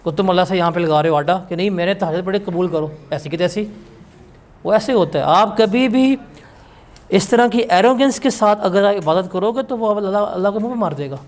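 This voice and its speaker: A man's voice: sits high, a little fast. A male teacher giving a classroom lecture in a blunt, scolding, emphatic way.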